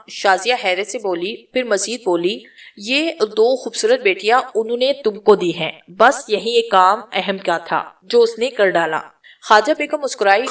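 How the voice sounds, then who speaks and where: A woman's voice: mid-range voice, far from the mic. A woman narrating a novel and reading every character's lines in her own voice. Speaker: storyteller.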